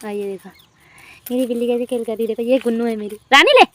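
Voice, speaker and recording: A woman's voice: on the high side, fairly even intonation, fast, warm tone, no room sound. Young village vlogger woman with a cold. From Uttarakhand hills, India. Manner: chatty, talks to her viewers and coos at her cats. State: has a cold and sore throat. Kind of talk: casual vlog chat.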